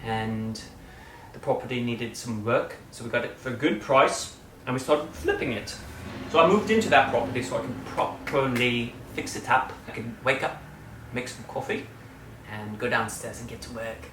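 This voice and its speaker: Speaking to his channel, this host has a mid-range voice and a moderate pace, swinging theatrically between loud and quiet and at times adopting a fake British-style accent. He sounds far from the microphone, with room echo and a low hum of background noise.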